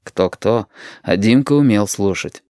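A man narrating an audiobook with expressive storytelling. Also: fairly low pitch, a little slow, dry recording, studio quality. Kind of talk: scripted narration.

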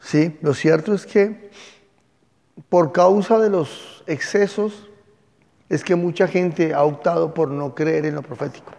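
A man, a pastor teaching a Bible class and telling the stories with lively energy. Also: on the high side, takes it slowly, gravelly, long reverb tail. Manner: lively storytelling, addresses class as "hijos".

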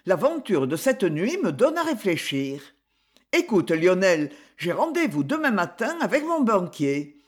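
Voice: mid-range voice, sing-song, measured pace, slightly rough. A reader voicing a scheming, triumphant middle-aged mother in an audiobook, in a raised, emphatic voice. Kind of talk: audiobook character voice.

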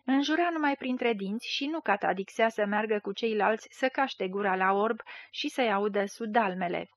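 A woman reading a literary short story aloud in a measured, expressive way. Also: mid-range voice, no echo, studio quality. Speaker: audiobook reader.

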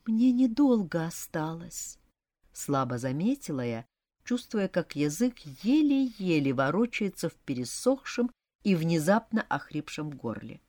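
Female audiobook reader, lowish, very lively pitch, dry close sound. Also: unhurried, no echo. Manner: expressive storytelling. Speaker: narrator. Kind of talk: audiobook narration.

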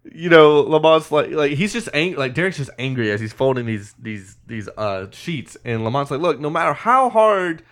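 A man chatting on a podcast, walking through a movie plot in a loose, casual way. He jumps into acted-out lines from the characters and laughs now and then. His voice sits right in an ordinary middle pitch. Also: normal speed, few pauses. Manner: animated retelling with acted-out quotes; laughs often. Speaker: podcast host. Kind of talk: casual movie recap chat.

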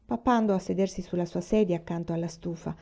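A woman reading a children's novel aloud as narrator, even and clear. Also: fairly low pitch, quick pace. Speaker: reader.

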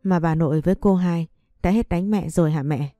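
A woman's voice: fairly low pitch, a little fast, warm tone, no room sound, faint music behind, natural voice. A woman voicing a tearful three-year-old boy in a storybook reading. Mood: pleading, childlike.

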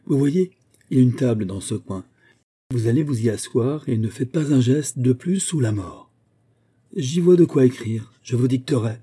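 A man reading a storybook voices a suave, ironic gentleman thief who is coolly polite and menacing. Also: medium pitch, animated, normal speed, slightly rough. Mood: ironic menace.

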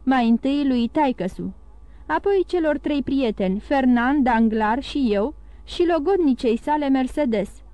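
A woman's voice: high voice, animated, mellow, dry recording, pitched above the performer's own voice. A woman voicing a greedy, hesitant middle-aged male innkeeper in an audiobook. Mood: scheming.

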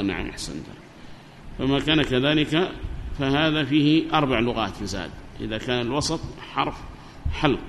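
A man teaching an Arabic grammar lesson on a microphone, asking his students questions and repeating their answers. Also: medium pitch. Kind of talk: classroom lesson explaining a grammar poem. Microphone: amplifier microphone. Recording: reverberant hall, faint background noise.

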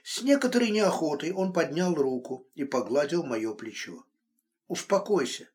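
A man reading a novel aloud as an audiobook narrator, expressive. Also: fairly high pitch, normal speed. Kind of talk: scripted narration.

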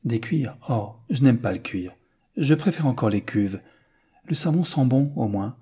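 A man's voice: medium pitch, expressive, unhurried, dark tone, breathy edge. A man reading aloud voices a chatty, worldly young French noblewoman who speaks frankly and offhandedly.

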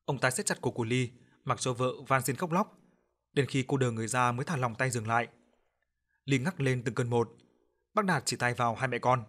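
A man narrating a dramatic audio story in a measured, emotive way. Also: medium pitch, a bit bright.

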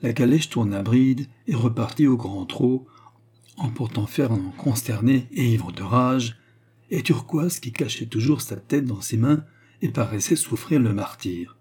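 A man narrating a classic novel in a measured, expressive reading. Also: medium pitch, slightly rough. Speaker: audiobook narrator.

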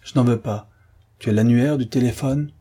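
A man reading an audiobook, voicing an old scheming male villain who sneers and gives hushed commands. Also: medium pitch, moderate pace, breathy edge, lightly acted. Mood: urgent. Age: older.

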